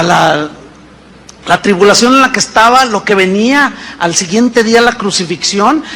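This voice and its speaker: High bright-voiced pastor, 50s. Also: male voice, slight background noise. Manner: emphatic preacher, acts out dialogues, rhetorical questions. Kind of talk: sermon.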